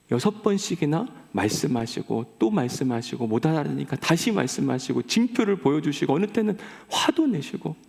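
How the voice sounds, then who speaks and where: Lively male pastor, conversational sermon, gravelly, long church reverb. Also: mid-range voice. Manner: conversational, asks the congregation questions. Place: large church sanctuary.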